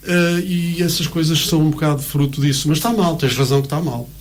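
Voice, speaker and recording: A man's voice: fairly high pitch, fast. Hesitant Portuguese male teacher, noisy background. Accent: European Portuguese. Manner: hesitant, searching for words, emphatic repetition. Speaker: teacher, guest in discussion. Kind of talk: conversational explanation. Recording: clear background room noise.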